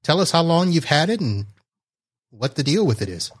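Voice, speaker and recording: A man's voice: on the high side, big pitch swings, moderate pace, slightly rough. A man from Florida hosting a casual podcast, chatty and often laughing as he reads. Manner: chatty, laughs while reading. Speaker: podcast host.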